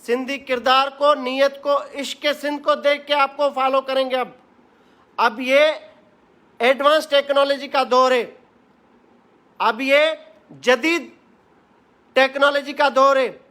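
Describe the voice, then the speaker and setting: A man's voice: extremely high pitch, fairly even intonation, slow, pauses often, pushed and bright. A man from Sindh, Pakistan, giving an impassioned political address to camera. He talks in a fiery, rhetorical way and repeats phrases for emphasis. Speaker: political commentator.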